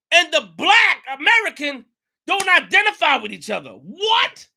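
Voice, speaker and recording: On his own show, a New York host delivers an impassioned commentary monologue. His very high, sharply cutting voice hammers each point through repetition, and his emphasis keeps rising into shouts.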